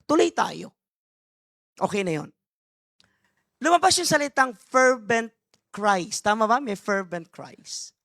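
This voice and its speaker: A man's voice: sits high, animated, slow pace, gravelly, pauses often, pushed and bright, no echo, studio quality. A man preaching a sermon as a bishop, switching between Tagalog and English, stressing his points, asking the congregation questions and calling for amens, with joking asides. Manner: emphatic, asks the crowd rhetorical questions and calls for amens.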